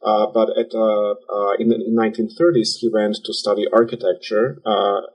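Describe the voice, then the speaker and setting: Husky, hesitant man from Serbia. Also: on the low side, level tone, normal speed, lo-fi sound. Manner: hesitant, many filler sounds. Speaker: architect and author, interview guest. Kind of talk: conversational interview.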